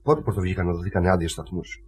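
A man from Crete with a lowish voice tells rambling family anecdotes, slipping into quoted voices. He speaks casually as the guest of an interview. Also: animated, a little mellow, husky. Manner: rambling anecdotal storytelling with laughs. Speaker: lyra player, guest.

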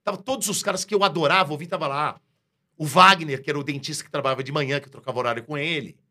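Speaking very fast in a voice on the high side, this radio announcer with a Brazilian Portuguese accent recounts a story during a casual interview. He's slangy and lively, performing the dialogue as he goes.

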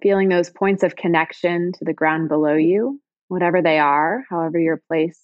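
A woman leading a guided body-scan meditation in slow, soft, soothing phrases. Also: on the low side, no room sound, dull audio.

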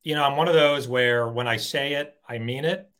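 A man's voice: medium pitch, moderate pace, a bit bright. A man co-hosting a live talk show, enthusiastic and casual, explaining a giveaway segment and swearing freely. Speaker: co-host.

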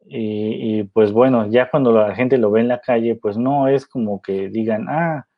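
A film commentator rambles casually about movies, packing his talk with fillers and tag questions. His pitch is fairly low, his intonation fairly even, and his pace normal. The recording sounds dull and lo-fi.

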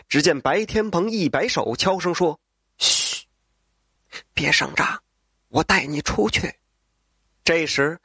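A man telling a folk tale as a storyteller, with lively asides to the listener and voiced dialogue. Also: a little high, no room sound, clean studio sound.

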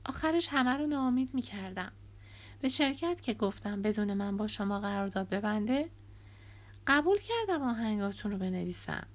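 A woman's voice: mid-range voice, expressive, close to an everyday voice. A woman reading an audiobook, voicing a tense, defensive young woman who used to write songs for a band. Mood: pleading.

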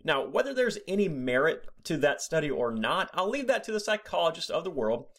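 A man's voice: on the high side, big pitch swings, brisk, a bit bright. A man hosting his own podcast, delivering a scripted solo monologue with emphatic, sarcastic turns. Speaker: podcast host.

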